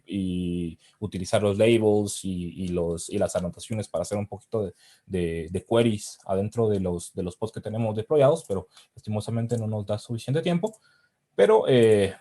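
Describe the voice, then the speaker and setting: Low, dark-voiced man demoing live. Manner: halting, frequent restarts while typing commands. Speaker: presenter giving a live demo. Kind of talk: live technical demo, thinking aloud.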